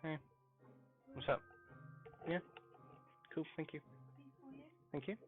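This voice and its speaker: A man streaming a game, talking softly and muttering to himself as he crafts, his grainy voice muffled as if heard through a wall. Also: on the high side, slow pace. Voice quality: grainy voice when quiet. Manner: talks softly, mumbling to himself while crafting. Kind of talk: casual live-stream gameplay commentary. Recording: muffled phone-like mic with faint music.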